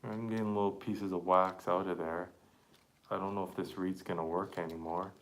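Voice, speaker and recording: A man live-streaming an accordion repair, chatting casually and haltingly to viewers while he works with his hands. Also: sits low, flat delivery.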